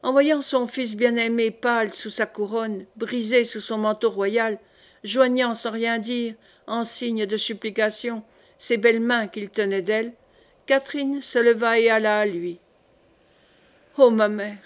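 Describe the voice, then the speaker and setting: Woman audiobook narrator, steady storytelling, slightly high pitch. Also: measured pace. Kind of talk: scripted narration of a historical novel.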